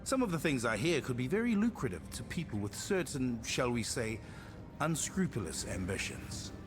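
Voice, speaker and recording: An actor voicing a sly, gossipy travelling barber in a video game, theatrical and confiding in his smooth talk. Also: medium pitch, big pitch swings, moderate pace, over music, close to an everyday voice. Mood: sly, welcoming. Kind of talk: video game character dialogue.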